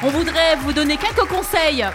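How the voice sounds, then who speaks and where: A woman hosting a casual commentary chat, relaxed and hesitant, often laughing between remarks. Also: high voice, normal speed, over music, a crowd in the background. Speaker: host.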